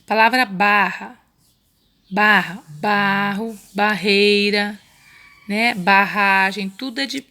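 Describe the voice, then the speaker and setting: A woman with a Brazilian accent talks young pupils through a remote lesson in a bright, slightly gravelly voice. She is patient and coaxing, drawing each word out slowly and repeating it. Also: medium pitch, fairly even intonation. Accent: Brazilian Portuguese. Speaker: primary school teacher.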